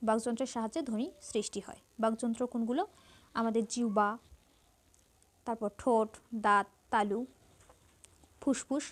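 A woman teacher with a Bangladeshi Bengali accent, steadily reading out numbered quiz questions and explaining each answer. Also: a little high. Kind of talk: exam-prep lesson, reading quiz answers.

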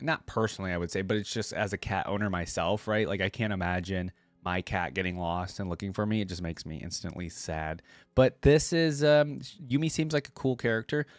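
A young man with a fairly low voice hosts a reaction video, reading a story aloud and adding casual commentary. He's close on a desk microphone at a streaming setup in an indoor room, with no echo.

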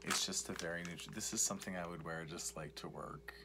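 A young man doing soft-spoken, mostly whispered ASMR as a makeup vlogger, rambling and repetitive in a campy way, with a breathy murmur. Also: fairly even intonation, a little fast. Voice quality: breathy whisper mixed with low creaky murmur. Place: small cluttered room indoors. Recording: noisy home recording with clicking and tapping.

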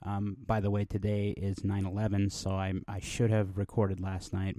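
A man's voice: sits low, dark tone, dry recording. Man, middle-aged, from New Mexico, podcast host, rambling casual monologue, dry close sound. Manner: rambling, conversational, with many fillers and restarts.

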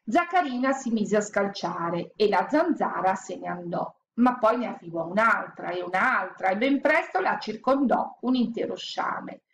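A woman narrating a children's story aloud in a calm, expressive storytelling manner. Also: medium pitch, normal speed, gravelly, hardly any pauses, a little hiss or hum. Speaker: audiobook narrator.

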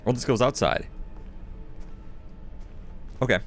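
Over game audio and music, a man hosts a let's play video, keeping up a chatty running commentary full of self-mocking asides. His voice is mid-range and his pace slow.

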